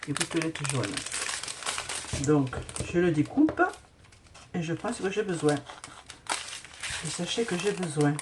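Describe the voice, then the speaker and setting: A woman's voice: low voice, unhurried, long pauses, background noise. A woman hosting a casual craft tutorial who hesitates often with fillers while she sorts beads and talks to viewers.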